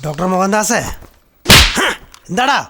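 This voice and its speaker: A man's voice: sits high, lively intonation, unhurried, vocal fry, full character voice. An actor dubbing a menacing gang boss who taunts his victims. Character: menacing middle-aged male gang boss. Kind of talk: Malayalam film dub. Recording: film soundtrack with loud music.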